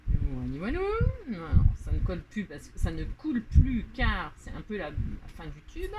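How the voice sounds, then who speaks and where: A woman's voice: fairly low pitch, sing-song, normal speed, very noisy. A woman with a French accent hosting a casual crafting tutorial, chatty and self-mocking, full of fillers and repeated words.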